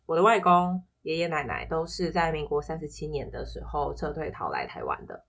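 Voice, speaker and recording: A woman's voice: low-pitched, lively intonation, a little fast, creaky, fairly bright tone. A woman from Taipei with a Taiwanese Mandarin accent, telling personal stories as an interview guest in a reflective, explanatory way. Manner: reflective, explanatory, quotes others in anecdotes. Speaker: podcast guest. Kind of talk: casual personal storytelling in an interview.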